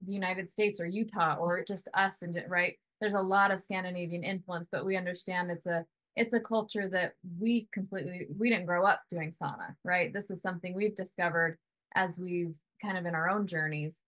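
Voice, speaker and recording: Chatting casually over a video call from home, a sauna business owner in her thirties speaks at a moderate pace in a lowish, slightly bright voice with fairly even intonation. She hedges with "you know" and frequently ends her points with "right?"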